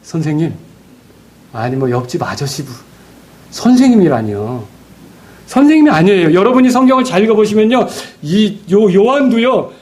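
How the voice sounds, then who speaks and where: A male pastor preaching a sermon. He keeps asking the congregation questions and swings between loud, emphatic lines and hushed ones. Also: sits high, big pitch swings, normal speed. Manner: peppers the congregation with rhetorical questions.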